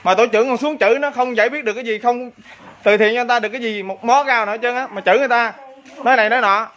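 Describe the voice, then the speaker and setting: A man speaks in a high, bright voice, fast and indignant, pressing each complaint hard. The phone recording sounds muffled and dull. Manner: indignant, insistent. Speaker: resident complaining about local leader. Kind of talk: on-camera complaint.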